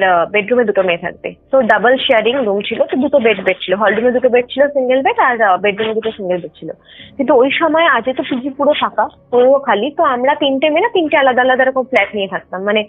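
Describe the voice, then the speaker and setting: A high-voiced young woman speaks fast on a phone call, casually recounting a personal ghost experience with explanations, English words mixed in and frequent check-in tags. The call sounds tinny, with background music running underneath.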